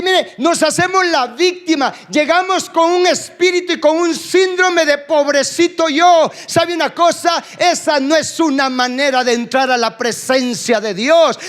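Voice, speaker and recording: This is a man preaching to a church congregation as their pastor. He shifts from booming bursts to hushed asides while constantly posing questions and inviting the room to answer back.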